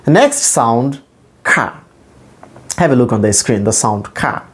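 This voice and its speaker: A Bangladeshi man, Bengali by native tongue, instructs listeners in English pronunciation, demonstrating and repeating deliberately. He speaks at medium pitch and sounds animated.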